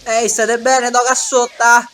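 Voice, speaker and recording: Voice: mid-range voice, flat delivery, a little slow, background noise, lightly acted. An actor voicing a frantic, foul-mouthed Sicilian in a comic parody dub of a dinosaur film, with a Sicilian accent and an exclamatory, colloquial manner. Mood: bossy, comic. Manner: exclamatory, colloquial, full of wails and swearing. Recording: music running under the voice.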